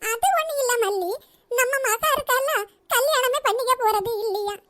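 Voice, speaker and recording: Cartoon role: very high-pitched doting old grandmother, fond and teasing, voiced by a woman. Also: normal speed, a bit bright. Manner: fond, calls granddaughter dear, chuckling. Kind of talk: cartoon voice acting.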